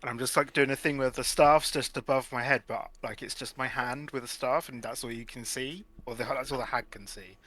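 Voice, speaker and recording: Man, game player, middle pitch, bright and crisp-edged, informal chat. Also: steady tone, fairly quick, hardly any pauses, dry recording.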